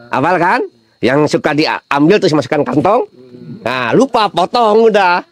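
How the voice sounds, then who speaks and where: Speaking at a measured pace with lively intonation, a middle-aged man delivers a relaxed sermon in a fairly high voice. He tells funny stories and throws rhetorical questions at the audience in a chatty, humorous way.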